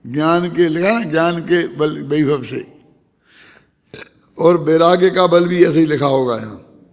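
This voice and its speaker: A man's voice: on the high side, measured pace, long reverb tail. An older man giving a conversational religious discourse on scripture, often checking whether his listeners follow. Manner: conversational, asks listeners "समझे ना?".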